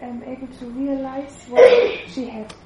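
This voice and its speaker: A woman interprets a testimony live in a church, stopping often to search for the right word. Her voice is high. The hall gives it a roomy echo. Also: fairly even intonation, a loud crowd. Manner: halting, searches for words with many fillers.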